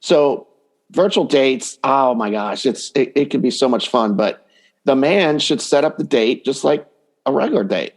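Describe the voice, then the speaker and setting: Offering advice in a casual conversational interview, this dating coach speaks as a guest, informal and enthusiastic, acting out imagined quotes along the way. He has a mid-range, expressive voice and a moderate pace.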